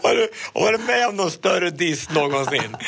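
A man co-hosting a casual chat with a bright, tense tone. He jokes around and laughs often. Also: sits high, creaky, a little hiss or hum. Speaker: podcast co-host.

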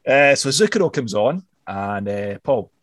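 A chatty Scottish man hosts a relaxed talk show, his pitch swinging up and down as he goes. The sound is dry and close. He fills gaps with ums and restarts. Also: unhurried, dry recording. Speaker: podcast host. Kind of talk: casual chat.

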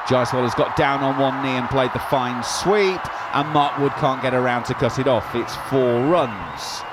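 A man's voice: medium pitch, moderate pace. A man working as a cricket commentator, calling the play ball by ball for radio in descriptive present-tense phrases. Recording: loud stadium background noise. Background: outdoor cricket ground ambience.

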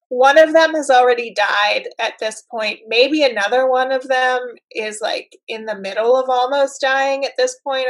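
A woman's voice: high voice, low-quality recording. A woman co-hosting a casual chat, musing her way through her thoughts with frequent fillers. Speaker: podcast co-host. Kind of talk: casual chat about a TV episode.

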